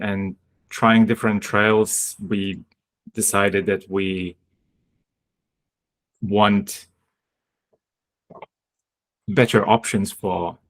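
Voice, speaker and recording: A man, a sports medicine doctor giving a webinar talk over a video call, hesitant with many fillers and restarts. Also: on the low side. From Lithuania. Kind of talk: webinar presentation.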